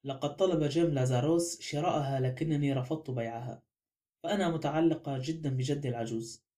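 A man's voice: fairly high pitch, fairly quick, mellow, natural voice. A man voicing a flippant, stubborn young woman in an audiobook, with a light, mocking way of talking. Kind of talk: audiobook character reading.

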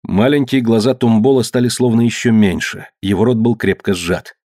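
A man's voice: on the low side, steady tone, normal speed, darkish tone, no room sound. Man narrating an audiobook, dry sound.

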